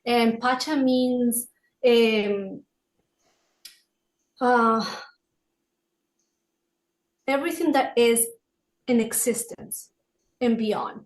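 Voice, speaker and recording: A middle-aged Peruvian woman, raised in Lima, appears as a podcast guest; she is an author and wellness consultant. She answers reflectively in a Peruvian Spanish accent, searching for words and phrasing things haltingly. Her voice sits on the high side, and the recording is rough.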